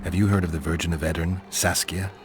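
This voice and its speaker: A man voices a grim monster hunter with a very low voice who speaks in short, dry phrases. The game dialogue sits over clearly audible music. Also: steady tone, fast talker, lightly acted. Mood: terse. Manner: terse, dry. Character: terse grim male witcher, monster hunter. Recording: game audio with music underneath.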